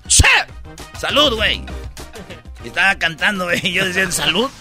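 Bright, high-voiced Mexican host. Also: male voice, normal speed, faint music behind. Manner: slangy, jokey storytelling. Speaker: radio show host. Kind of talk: casual comedic commentary.

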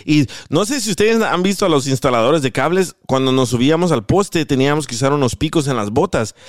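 A man's voice: on the high side, fairly quick, no room sound, clean studio sound. Laughing man telling stories. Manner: laughs often, animated storyteller. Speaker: show host. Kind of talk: casual storytelling chat.

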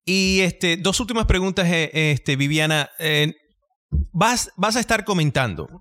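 A man interviewing a guest, asking probing questions with halting restarts. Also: high-pitched, animated, fairly bright tone.

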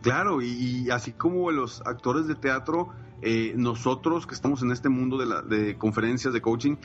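A man's voice: medium pitch, moderate pace, dull audio, faint music behind. A man, a coach and podcaster, talking emphatically and enthusiastically in a casual podcast chat. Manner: enthusiastic, emphatic, frequent fillers like "eh" and "pues".

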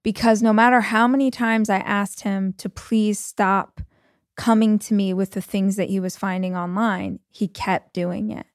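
A woman in her forties hosting a podcast, talking through a personal story in a loose, chatty way and dropping 'like' often. Her voice sits at an ordinary middle pitch. The sound is close and dry, with no room echo. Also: fairly even intonation, measured pace. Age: 40s. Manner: chatty, fills speech with 'like'. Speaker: podcast host.

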